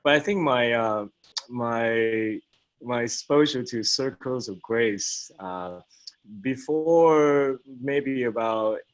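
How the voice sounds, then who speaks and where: A man with a voice hoarse from a cold, speaking as an educator on a webinar panel, halting, with many ums and repeats. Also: medium pitch, no echo, rough recording. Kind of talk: casual personal story on a webinar panel.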